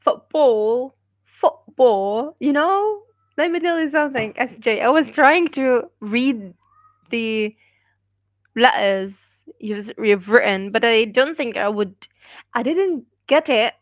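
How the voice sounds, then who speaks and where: A woman's voice: fairly high pitch, slow, no echo, highs cut off. A woman from Gaza, an English speaker hosting a casual livestream, reading viewer comments with many fillers and frequent laughs. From Gaza, Palestine. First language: Arabic. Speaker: livestream host.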